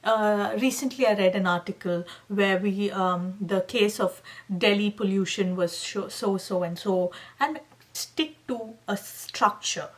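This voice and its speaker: Young woman, chatty tutorial host, emphatic, lively delivery, mid-pitched voice. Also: measured pace. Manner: animated, emphatic, keeps calling viewers guys and asking okay. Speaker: channel host giving exam tips. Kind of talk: casual tutorial talk to camera.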